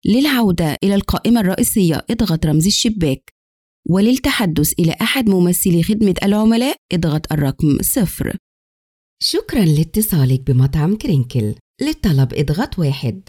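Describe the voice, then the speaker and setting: Egyptian woman doing customer service phone menu prompts, soft mellow tone, really lilting, polite n formal. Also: lowish voice, expressive, fairly quick, breathy edge, no room sound, clean studio sound. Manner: polite, formal scripted delivery.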